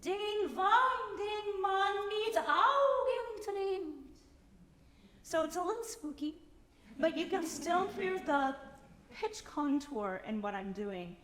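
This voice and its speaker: Woman, singer, fairly high voice, animated explanation, roomy hall with long reverb. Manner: animated, demonstrates by speaking and singing. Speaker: singer performing the speaking part. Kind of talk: explaining vocal technique to a concert audience.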